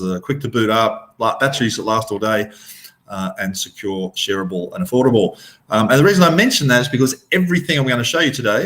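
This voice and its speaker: A man's voice: fairly low pitch, a bit bright. Middle-aged Australian man presenting a webinar. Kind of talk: informal presentation. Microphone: video call.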